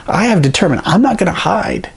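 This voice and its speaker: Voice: medium pitch, lively intonation, brisk, vocal fry, husky, voice pushed up, exaggerated voice. A preacher voicing a determined male prophet who declares his resolve firmly. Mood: resolute.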